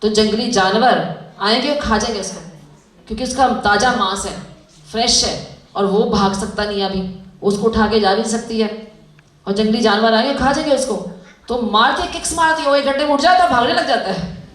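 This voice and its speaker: A woman's voice: a little high, moderate pace, a bit bright. Woman preaching in an echoey hall. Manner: storytelling, asks the audience questions. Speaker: speaker at a youth seminar. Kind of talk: devotional talk to young women. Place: lecture hall. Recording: echoey hall, mic far off.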